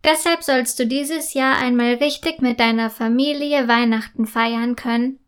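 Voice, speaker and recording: A kind little Christmas angel girl speaks in a soft, reassuring tone, high and smooth, as a woman reads her aloud. The pace is slow and unhurried, as in a children's storybook. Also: fairly even intonation, close to an everyday voice. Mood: gentle, kind. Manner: soft, reassuring, gently cheerful.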